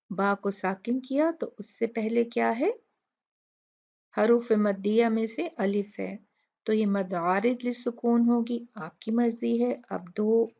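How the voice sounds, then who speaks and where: A woman teaching a Quran recitation lesson. She explains each letter methodically and models slow recitation. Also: mid-range voice, creaky, a little mellow. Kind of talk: tajweed tutorial. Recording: dull lo-fi recording.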